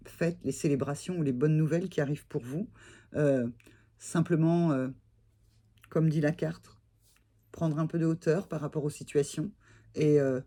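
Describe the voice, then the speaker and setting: Man, mellow husky voice, tarot reading, hesitant with many fillers, gentle advice. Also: fairly high pitch. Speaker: tarot reader.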